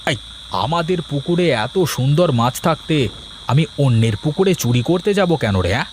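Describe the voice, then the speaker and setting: A man's voice: a little high, expressive, fairly quick, a little hiss or hum, close to an everyday voice. A man voicing a lazy young village husband who schemes to steal fish for card games. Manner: sly, plotting muttering. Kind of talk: cartoon voice acting.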